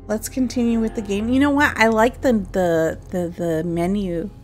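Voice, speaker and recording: A woman's voice: mid-range voice, steady tone, moderate pace, a little mellow, slight background noise. A woman in her thirties streaming a game, chatting casually and rambling, often breaking off mid-sentence. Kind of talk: casual gameplay chat.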